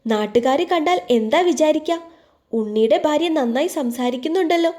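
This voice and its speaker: A woman's voice: sits high, animated, fairly quick, mellow. A woman voicing a harsh older mother-in-law who scolds with scorn. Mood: scornful. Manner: sneering, scornful.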